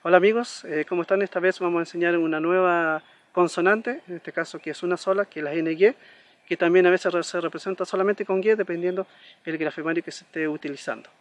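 A man giving a pronunciation lesson, slowly repeating each example word and checking in with "¿ya?" often. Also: sits high, steady tone. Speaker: language teacher.

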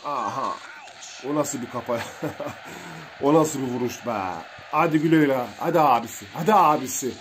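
A young man casually commentating a mobile wrestling game for viewers, excitable and slangy, calling out moves and reacting to hits. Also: mid-range voice, moderate pace, a little hiss or hum.

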